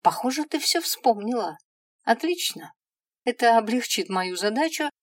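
A woman's voice: on the high side, animated, moderate pace, no echo, voice pushed up. A bored little imp of the afterlife, as a woman reader puts him on, sighing through his shift. He sounds raised and pushy, every line dismissive and indifferent. The storybook audio is dry and close. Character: bored, irritable male imp clerk of the afterlife.

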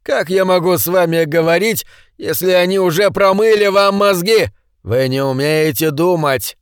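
A man's voice: high-pitched, normal speed, smooth, no echo, studio quality, pitched above the performer's own voice, natural voice. A man reading an audiobook, voicing a heated conspiracy-minded man who insists on his theories. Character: shrill agitated male conspiracy believer.

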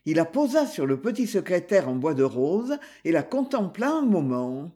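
A woman narrating a novel as an audiobook reader, in a clear, expressive reading. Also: on the low side, moderate pace. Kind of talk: scripted narration.

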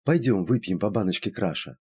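A man's voice: fairly low pitch, animated, fairly quick, mellow, slightly rough. A man voicing an anxious widowed woman. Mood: worried.

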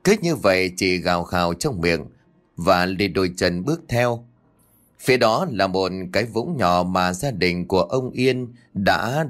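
Người đàn ông giọng trầm kể truyện ma. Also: male voice, deep voice, fairly bright tone. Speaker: storyteller. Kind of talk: scripted ghost story narration. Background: faint music.

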